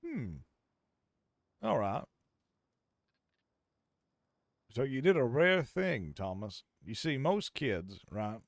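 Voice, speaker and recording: A man's voice: on the low side, no echo, clean studio sound. A man role-playing a reflective Californian drifter in the Old West, with an American accent and a folksy, theatrical way of repeating himself for emphasis. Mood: probing, approving. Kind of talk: improvised Western role-play.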